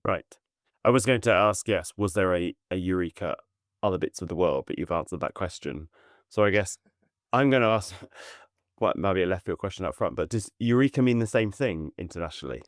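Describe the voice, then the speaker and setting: Male podcast co-host, deep voice, friendly and casual. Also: animated, brisk, dry recording, studio quality.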